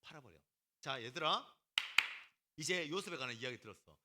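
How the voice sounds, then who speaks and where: A male pastor preaching a lively sermon to a youth group, teasing the students, calling on them by name and acting out what people say. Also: high voice, a little fast, very noisy. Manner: animated, teasing, acts out quotes and calls on students by name.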